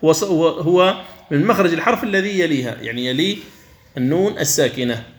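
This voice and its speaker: A man teaches Quran recitation, laying out each rule slowly and with care before drawing the examples out into chanted recitation. Now and then he sets a wrong reading against the correct one. His voice sits on the high side.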